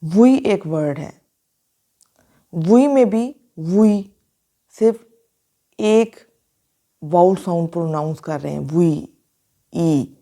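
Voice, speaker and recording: Woman teacher for a language lesson: slow, deliberate delivery, spells words out and sounds them out, soft warm tone. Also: lowish voice, gravelly. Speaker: English teacher. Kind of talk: explaining a phonology lesson, mixing Hindi and English.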